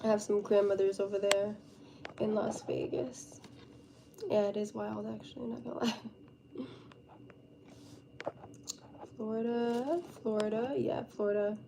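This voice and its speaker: A woman's voice: mid-range voice, moderate pace, gravelly. A young woman live streamer chatting casually and informally with her viewers, with a giggly, chatty manner. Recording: steady background noise.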